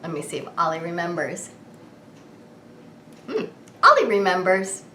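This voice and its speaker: A children's show host, a woman with a lowish, very animated voice and a sharp tone, speaks a little slowly during a birthday greeting for a child. Her party enthusiasm is exaggerated and sing-song, and she answers her own questions as though the child replied. Faint background noise sits under the room's echo.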